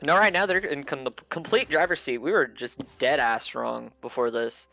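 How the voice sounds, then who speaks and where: A man giving live color commentary on an esports match, analytical and quick to laugh. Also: medium pitch, vocal fry, sharp tone, soft background music. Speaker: esports caster.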